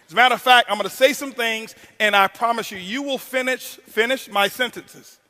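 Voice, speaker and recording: A man giving a motivational talk on stage, animated and teasing the audience with call-and-response questions, in a large hall. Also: extremely high pitch, fairly quick. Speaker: motivational speaker.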